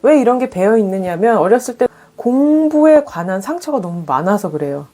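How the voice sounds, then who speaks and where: A middle-aged woman parenting coach, calmly explaining and acting out parents' inner thoughts. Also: medium pitch, a little fast. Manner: calm, reflective, acts out parents' inner voices. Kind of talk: explanatory monologue.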